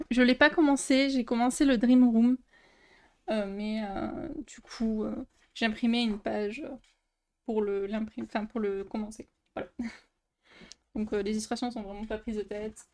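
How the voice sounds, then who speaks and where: Chatty young Frenchwoman, slightly high voice. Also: steady tone, unhurried, long pauses, darkish tone. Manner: chatty, many fillers and restarts, light laughs. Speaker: coloring book youtuber. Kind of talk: casual show-and-tell vlog.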